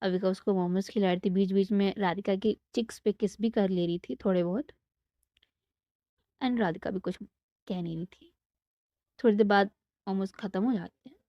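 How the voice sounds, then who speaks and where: A woman's voice: medium pitch, steady tone, normal speed, pauses often, mellow, no echo. A young woman telling a romantic story in a casual, chatty way, mixing in English words. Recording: dull lo-fi dry sound.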